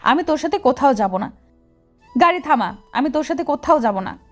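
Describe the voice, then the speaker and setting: A woman voicing a jealous, hot-tempered young wife in an audio story who hurls angry, shrill insults. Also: animated, a little fast, a little mellow, faint music behind. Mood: sulky. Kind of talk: Bengali audio story acting.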